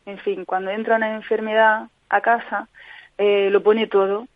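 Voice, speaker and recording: A woman tells her story in an interview. She speaks earnestly, pausing and restarting often. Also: mid-range voice, level tone, no room sound. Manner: earnest, halting, frequent restarts. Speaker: guest, mother living with chronic pain. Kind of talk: personal account in a call-in interview. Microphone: telephone. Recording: tinny phone line on radio.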